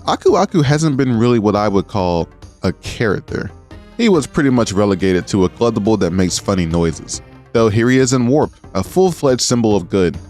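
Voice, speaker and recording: A man's voice: lowish voice, darkish tone. A man narrating a scripted video essay with earnest, appreciative commentary. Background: music.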